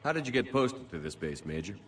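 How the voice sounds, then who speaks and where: An actor playing a tough, hard-edged military commander in a video game, terse and direct. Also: male voice, on the low side, big pitch swings, fairly quick, a little hiss or hum. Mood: probing.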